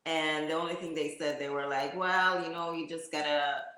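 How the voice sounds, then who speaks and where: A woman's voice: low-pitched, steady tone, normal speed, a bit bright. A woman with a Jamaican accent, speaking as an interview guest and laughing often between phrases. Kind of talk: casual interview chat. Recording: very echoey room.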